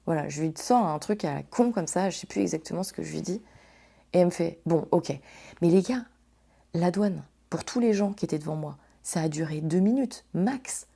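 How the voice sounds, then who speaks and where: A woman hosting a casual storytelling podcast, slangy, swearing and animated as she talks to her listeners. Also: fairly low pitch, normal speed, vocal fry, breathy edge. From France. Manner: slangy and swearing, addresses listeners as "les gars". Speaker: podcast host.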